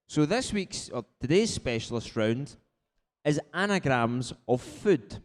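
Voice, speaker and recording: A man with an average-pitched voice hosts a casual live quiz. He explains things informally, often tacking short check-in tags onto his sentences. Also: animated, unhurried. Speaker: quiz host.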